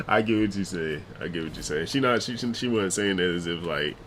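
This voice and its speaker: A man's voice: low-pitched, a little fast, fairly bright tone, a little hiss or hum. A man hosting a reaction video, laid-back and talking straight to his audience. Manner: laid-back, laughs, talks to the audience, says "bro". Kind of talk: casual reaction commentary.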